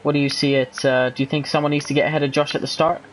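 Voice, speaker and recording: Male lead motorsport commentator, slightly high pitch, chatty race calls, noisy recording. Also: flat delivery, racing. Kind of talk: live motorsport commentary, conversational. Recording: clear background noise.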